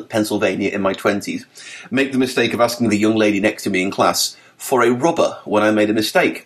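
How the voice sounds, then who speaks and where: A man in his forties with a Mancunian accent reads his own article aloud. His pitch rises and falls in a lively way, and he delivers each point with wry, dry humour. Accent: Mancunian English. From north of England. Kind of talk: scripted narration.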